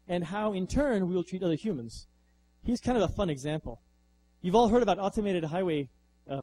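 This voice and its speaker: Lively male lecturer with a mellow voice. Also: a little high, a little hiss or hum, poor audio. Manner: lively, conversational, rhetorical questions. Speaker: author giving a talk. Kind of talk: lecture with slides.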